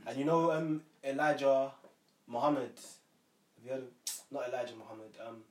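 A man's voice: mid-range voice, normal speed, a little mellow. A young man with a London roadman accent, telling stories casually in slangy, rambling talk. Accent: London roadman, multicultural urban slang. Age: young adult. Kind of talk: casual banter and storytelling. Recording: roomy, distant mic, faint background noise.

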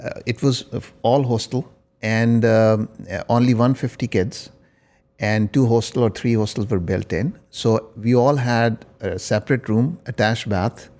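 A man's voice: mid-range voice, steady tone, measured pace, darkish tone. A middle-aged man with a Pakistani accent reminisces casually as an interview guest, code-switching and often checking that the listener follows. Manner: conversational, often seeking agreement with "right?". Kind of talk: casual reminiscing, mixing English and Urdu.

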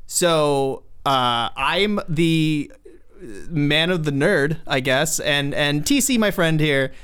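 A man's voice: a little high, slow, a bit bright, clear, resonant tone. A young man hosting a podcast in casual chat, playful and teasing. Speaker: podcast host and producer.

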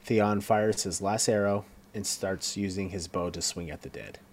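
A man's voice: low voice, fairly even intonation, normal speed. A man giving a casual scene-by-scene recap of a TV episode, reading along with fillers and stumbles. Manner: reads along with fillers and self-corrections.

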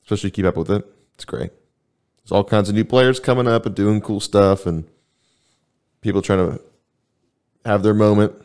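A man chats casually on his podcast, rambling through stories at an easy, laid-back pace. His voice sits very low and deep. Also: steady tone, moderate pace, pauses often, a little mellow, clear, resonant tone. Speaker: podcast host. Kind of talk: casual chat.

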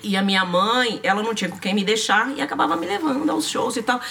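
A woman's voice: a little high, fast talker, vocal fry, slight background noise. A young Brazilian woman with a Brazilian Portuguese accent, a singer telling stories in a casual chat and laughing often. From Brazil, São José dos Campos. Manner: laughing often, animated, slangy. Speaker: singer guest.

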